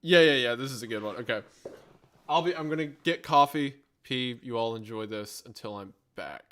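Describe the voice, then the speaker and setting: A man's voice: mid-range voice, normal speed, fairly bright tone. A man with a Southern US accent chatting casually on a live stream, rambling and self-mocking. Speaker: streamer and podcast host.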